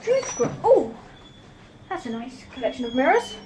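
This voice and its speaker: A woman's voice: sits high, very animated, moderate pace. A woman giving casual running commentary as a vlogger on a tour. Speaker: vlogger touring lifts. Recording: echoey lift with faint noise.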